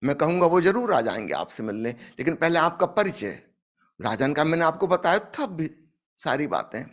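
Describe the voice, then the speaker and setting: A man giving a spiritual discourse, telling a parable and acting out its dialogue with emphatic rises. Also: mid-range voice. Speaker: spiritual speaker.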